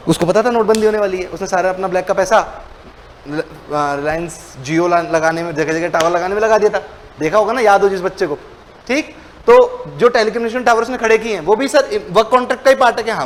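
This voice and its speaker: A man's voice: high-pitched, slight background noise. A man teaching tax law in a lecture, animatedly asking and answering his own questions. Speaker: commerce teacher.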